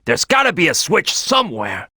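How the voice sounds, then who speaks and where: A man's voice: a little high, wildly swooping pitch, normal speed, pushed and bright, husky, no echo, clean studio sound, full character voice. A man voicing a brash, bossy crocodile detective in a video game, boisterous and cocky, with a streetwise, barking delivery. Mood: watchful, bossy. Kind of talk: animated video game character acting.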